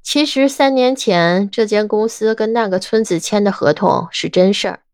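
A woman voicing a sharp, stubborn young investigator who argues everything, in an audiobook drama, with a wry, argumentative manner. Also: mid-range voice, normal speed, no room sound, clean studio sound, lightly acted. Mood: knowing.

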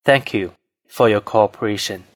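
A man reading scripted cabin announcements as a flight attendant, in a formal, measured, phrase-by-phrase manner. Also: on the low side, a little hiss or hum.

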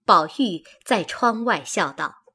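A woman narrating a classical novel in a measured, expressive way. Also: mid-range voice, husky. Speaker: audiobook narrator.

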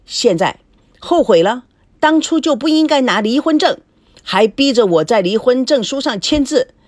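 A woman's voice: fairly high pitch, animated, moderate pace, a little mellow, no room sound, studio quality, pitched above the performer's own voice. A woman voicing a smug teasing young man. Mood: exasperated. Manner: teasing, mocking.

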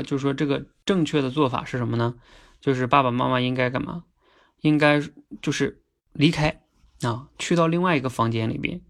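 A man hosting a casual livestream, chatty and earnest, often checking in with listeners through quick tag questions. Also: medium pitch, creaky. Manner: earnest, sometimes emphatic. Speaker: livestream host.

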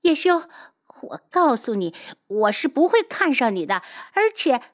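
A woman voicing a pretty, hot-tempered young man who shouts his insults in a high, agitated voice. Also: normal speed, natural voice. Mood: furious.

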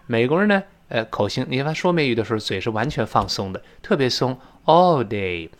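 A man teaching spoken English in Chinese, explaining pronunciation and acting out sounds and sighs. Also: medium pitch. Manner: lively, demonstrates pronunciation with drawn-out sounds. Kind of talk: spoken English lesson podcast.

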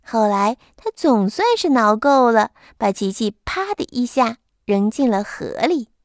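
Woman bedtime-story reader, somewhat high voice, gentle with kids, very dry close mic. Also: lively intonation, unhurried, dry recording. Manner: gentle, addressing children. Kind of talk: bedtime picture-book reading.

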